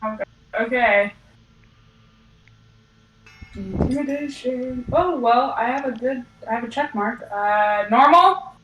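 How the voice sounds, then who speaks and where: A woman's voice: fairly high pitch, slow pace, pauses often, reverberant, far from the mic, music in the background, low-quality recording. A woman playing a tabletop game, talking casually and a little hesitantly. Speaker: player.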